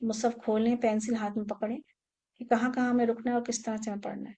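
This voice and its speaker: A woman teaching an online Quran memorization class, giving brisk instructions, checking in often with her students, and slowing down to recite verses. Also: a little high, flat delivery, mellow. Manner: switches between brisk instructions and slow, drawn-out recitation of verses; checks in often with the class, repeating short questions.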